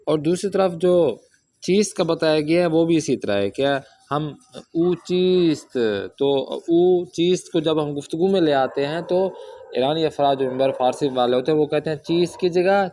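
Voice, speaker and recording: A man teaching a Persian language lesson from a workbook, reading example sentences slowly and then explaining them step by step. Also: a little high, dark tone, slight background noise.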